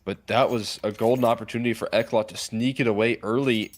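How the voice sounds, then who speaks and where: A man co-casts an esports match live, delivering commentary and analysis with animated, dramatic phrasing. His voice sits in the mid range, and he talks fast.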